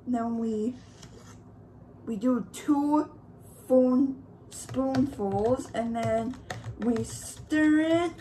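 A young woman hosts a casual eating vlog from a room at home, rambling to her viewers as she goes. Her voice sits a little high and she talks at an unhurried, drawn-out pace. A faint hum of background noise runs under her voice. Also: warm tone. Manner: chatty, rambling, talks to viewers while preparing food. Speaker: YouTuber. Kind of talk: casual mukbang vlog chat.

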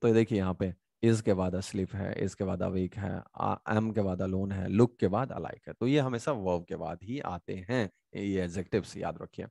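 A man with an Indian English accent teaches grammar in Hindi, asking questions and answering them himself. His voice has a gravelly, fry-tinged edge. It is recorded close and dry, with no room sound. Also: low voice, unhurried, hardly any pauses, mellow, no echo. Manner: many hesitation sounds and restarts. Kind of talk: online grammar lesson.

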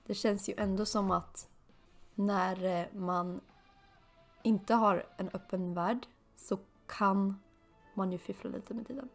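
A woman giving casual let's play commentary, chatty, with sudden excited high bursts and soft asides. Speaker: gaming video creator.

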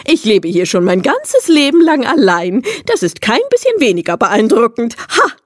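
A woman voicing a loud, boastful and brusque eccentric hermit woman in an audiobook, chattering rapidly with indignant outbursts. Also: fairly high pitch, huge pitch swings, no echo, clean studio sound, pitched above the performer's own voice. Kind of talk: audiobook character voice.

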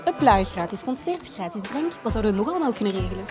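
Opportunistic young Flemish female played by a woman, medium register, rapid teen-drama delivery. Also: mid-range voice, big pitch swings, natural voice. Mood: scheming, upbeat. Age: young adult. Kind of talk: scripted teen drama acting. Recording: music behind the dialogue.

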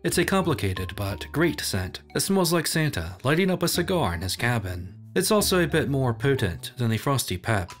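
A man's voice: medium pitch, sing-song, normal speed, hardly any pauses. A man reading a scripted product review in casual, slangy phrasing as a voice-over. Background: background music.

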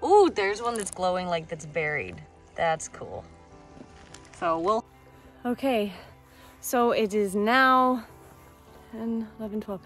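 Faint music plays as an American woman in her thirties hunts rocks on a pebbly beach for her casual outdoor vlog, talking in an easygoing, colloquial manner. Her mid-range, fairly bright voice is expressive, slow, and often paused.

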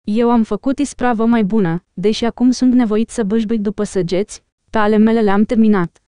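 Brief: woman as a calm, competitive elf archer, dry close recording. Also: a little high, smooth, no room sound, natural voice. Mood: proud.

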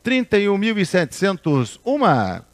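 Male auctioneer, high voice, repetitive bid calling, formal address to bidders, car auction. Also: wildly swooping pitch, moderate pace. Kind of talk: live car auction calling, repeating bids.

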